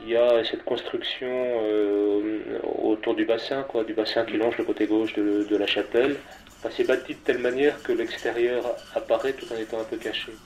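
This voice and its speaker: Man, lowish voice, halting unscripted comments full of fillers, noisy ambient recording. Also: flat delivery, darkish tone. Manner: hesitant, many fillers and restarts. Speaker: interviewee speaking about a chapel. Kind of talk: spontaneous spoken comments.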